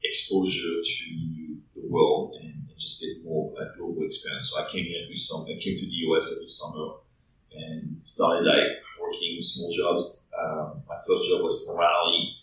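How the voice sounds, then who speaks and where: A man's voice: low-pitched, monotone, moderate pace, pushed and bright. A man with a French accent, a startup founder in his thirties, talking reflectively in a casual interview with many fillers and repeated words. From France. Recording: echoey room, distant mic, faint noise.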